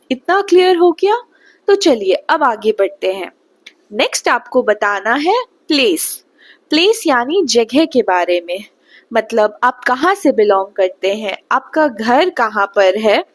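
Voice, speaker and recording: A young woman from Bihar gives a spoken English lesson in a slightly high voice. She talks slowly and patiently, with a lively rise and fall, and stops often to check that the listener follows. The sound is close and dry. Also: no room sound. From Bihar, India. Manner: slow, patient teaching, checks understanding often. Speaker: English tutor.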